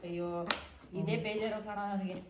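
A woman's voice: mid-range voice, fairly even intonation, normal speed. A middle-aged woman who runs a hostel, talking casually and tearfully about her parents while opening a gift. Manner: tearful, emotional. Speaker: hostel caretaker receiving a gift. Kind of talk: casual family chat. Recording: echoey room with clear background noise.

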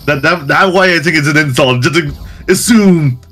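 A man's voice: fairly high pitch, normal speed, fairly bright tone, faint music behind. A man chatting casually during a game stream, laughing often and joking around. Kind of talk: casual chat while gaming.

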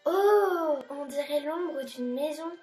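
A woman's voice: high voice, takes it slowly, a little mellow, reverberant, soft background music, voice pushed up. A woman voicing an awestruck little girl in a storybook reading, full of breathless wonder.

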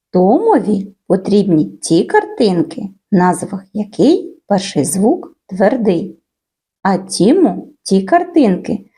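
A woman with a medium-pitched, warm, slightly breathy voice teaches young children phonics. She stretches out sounds and words in a slow, sing-song way.

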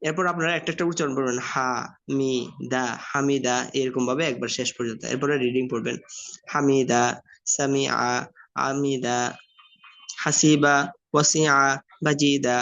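A man with a Bangladeshi Bengali accent, teaching a reading lesson and spelling out syllables one by one in a slow, drilling way. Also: mid-range voice, steady tone, fairly bright tone. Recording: dull lo-fi sound.

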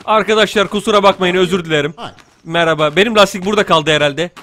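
High-voiced excitable gaming commentator man. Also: quick pace, background noise. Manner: excitable, jokey, bursts into shouts and laughs. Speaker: gaming YouTuber. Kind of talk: casual gameplay commentary.

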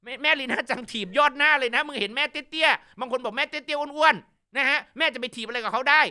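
Shrill ranting older woman, plump, foul-mouthed and furious, as a male host mimics her, piercing and bright. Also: quick pace, clean tone, heavily acted. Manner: shrill, ranting, yelling insults.

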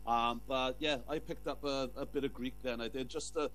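A man's voice: medium pitch, fairly even intonation, moderate pace, a bit bright. A man hosting a podcast in casual chat. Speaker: podcast host. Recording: clear background hum and noise.

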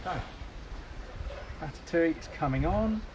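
Brief: cheerful, higher-voiced man hosting a live barbecue cook outdoors, noisy background with traffic. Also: animated, unhurried, lo-fi sound. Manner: chatty, talks while eating, laughs often. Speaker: cooking demonstrator. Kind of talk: live outdoor cooking demo.

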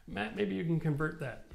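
A tired man in his forties from Canada, explaining basement renovation at a whiteboard in an emphatic, animated way. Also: fairly high pitch, creaky. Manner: animated, emphatic, rising to passionate rants. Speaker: renovation expert host. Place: studio set with whiteboard, indoors. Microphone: lapel mic.

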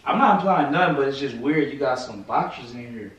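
A young man at home who talks in casual, slangy speech and turns to heated shouting when he is upset. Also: medium pitch, lively intonation, a little fast, muffled recording. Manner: slangy, laid-back, rising to heated shouting. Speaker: husband, vlogger. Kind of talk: casual argument. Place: indoors at home. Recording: very echoey room, mic far off, faint noise.

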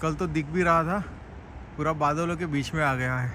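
Excited man from Gujarat vlogging on foot. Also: on the high side, moderate pace, a little hiss or hum. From Gujarat, India. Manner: excited, keeps urging viewers to look. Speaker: travel vlogger. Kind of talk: walking tour vlog to camera. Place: underground cafe, then outdoors on city streets. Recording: music playing behind the voice.

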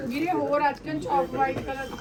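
A woman's voice: high voice, little pitch movement, brisk. A woman with a Punjabi accent chatting casually with others as they shop. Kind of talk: casual shopping chat. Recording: loud crowd noise behind.

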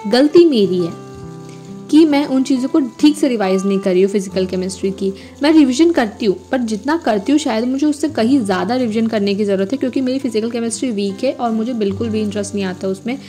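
A young adult woman chats through her study day as an exam-student vlogger, rambling casually and often correcting herself. Her voice sits on the high side with a dark tone and a quick pace. Soft music plays in the background.

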